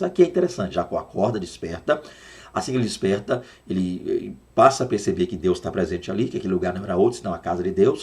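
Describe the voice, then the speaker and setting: A man's voice: lowish voice, darkish tone. Brazilian man teaching a Bible lesson. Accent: Brazilian Portuguese. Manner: explanatory, repeats words to drill pronunciation.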